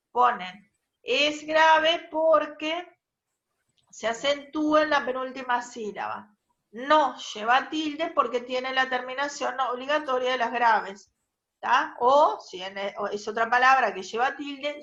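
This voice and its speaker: Woman teacher, high voice, measured pace, lo-fi video call sound, explains step by step. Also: a bit bright. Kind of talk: online class lecture.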